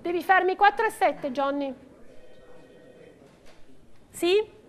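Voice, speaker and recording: A woman's voice: extremely high pitch, slow. A middle-aged woman working as an auctioneer, calling bids in short, repeated phrases of prices and names. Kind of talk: auction bidding calls.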